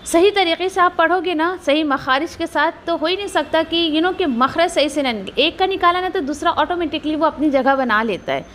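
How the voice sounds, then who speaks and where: A woman teaches Quran recitation. She explains each rule patiently and says words slowly to model them, then repeats them. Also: very high-pitched, fairly bright tone, slight background noise. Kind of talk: tajweed lesson with slow recitation.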